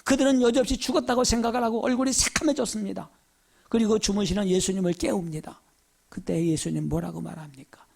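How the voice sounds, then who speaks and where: A pastor preaches in a very high, gravelly voice, telling stories with lively energy. He keeps drawing in his listeners with rhetorical questions. His gravelly edge stays through every phrase. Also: quick pace. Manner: animated storytelling, rhetorical questions. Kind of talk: sermon.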